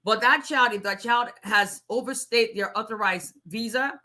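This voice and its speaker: Answering viewers on a casual livestream Q&A, a Nigerian immigration attorney in her forties speaks with a strong voice pitched on the high side and a sharp tone. Her pace is moderate, and she's chatty, restarting frequently.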